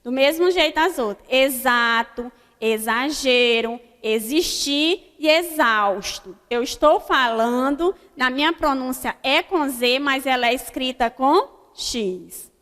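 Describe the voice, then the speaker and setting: This recorded online grammar lesson features a Brazilian primary school teacher whose high, bright voice reverberates through a long hall. Addressing young pupils, she dictates words deliberately and slowly, one at a time, often pausing to ask "né?".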